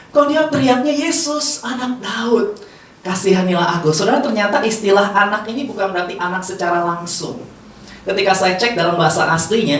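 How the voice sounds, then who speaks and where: Lively preacher in an echoey hall. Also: medium pitch. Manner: lively call-and-response with the congregation; playful, teasing, laughs often. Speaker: pastor. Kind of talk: sermon. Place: large hall with a congregation. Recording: roomy hall, distant mic, faint noise.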